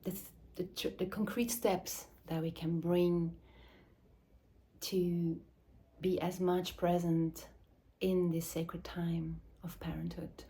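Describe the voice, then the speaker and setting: A woman from Switzerland, speaking English as an in a slow, searching, reflective address, often dropping into soft whispers. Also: on the low side, flat delivery. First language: Swiss German or Dutch. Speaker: mother and movement teacher. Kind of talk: reflective spoken address to camera.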